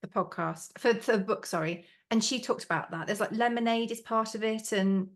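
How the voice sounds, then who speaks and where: A woman's voice: fairly high pitch, moderate pace. Woman podcast host, supportive. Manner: supportive, brief interjections. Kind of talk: casual interview chat.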